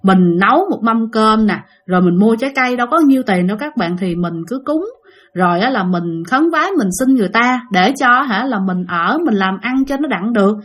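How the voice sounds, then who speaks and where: A woman's voice: a little high, lively intonation, a little fast. A woman with a Southern Vietnamese accent hosting a ghost-story channel, narrating in a chatty way and talking straight to her listeners. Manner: chatty, addresses listeners directly.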